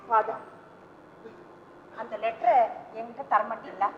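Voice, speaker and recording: A woman's voice: fairly high pitch, a little slow, noisy background, natural voice. An actress playing an anxious mother of two who hesitantly pleads and confesses, in an old stage play recording. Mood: pleading. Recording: roomy hall, dull lo-fi old stage recording.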